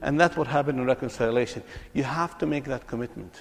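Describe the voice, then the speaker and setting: A fast-talking man from Palestine, mid-range and creaky, speaks to an audience on reconciliation, with a little hiss or hum in the audio. He tells his stories earnestly, repeating words often, in a reverberant hall.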